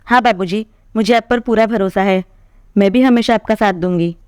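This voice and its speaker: A woman voicing a poor young beggar woman in love, speaking in a soft, respectful, devoted way. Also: medium pitch, normal speed, clear, resonant tone, dry recording, clean studio sound, lightly acted.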